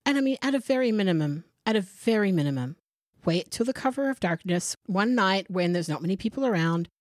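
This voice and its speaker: A woman's voice: mid-range voice, expressive, a little fast, no echo, studio quality. A woman co-hosting a true crime podcast, narrating case details and bantering in a blunt, sarcastic way. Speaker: podcast co-host.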